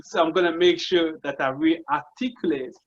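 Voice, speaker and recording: In a lo-fi recording, a guest marketing consultant with a Congolese French accent speaks at normal speed in a voice on the high side. He lays out his ideas earnestly, one step at a time, in casual explanatory interview talk, frequently starting sentences over.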